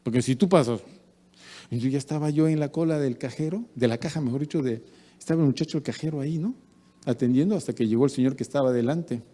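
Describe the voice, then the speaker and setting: Peruvian male preacher, animated storytelling delivery, warm low tone, long church reverb. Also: fast. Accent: Peruvian Spanish. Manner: animated preaching with acted-out anecdotes. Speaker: pastor. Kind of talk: sermon.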